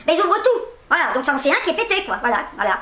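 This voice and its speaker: A woman hosting a casual haul vlog, rambling fast and reading product labels aloud, tripping over her words. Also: very high voice, sing-song, a bit bright. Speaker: YouTube host. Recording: echoey room.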